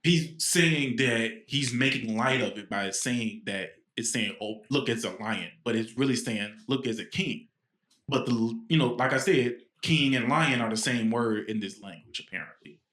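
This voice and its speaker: A man's voice: medium pitch, normal speed, few pauses, fairly bright tone. A man co-hosting a podcast, telling a story in a rambling, casual way with many fillers and restarts. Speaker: podcast co-host.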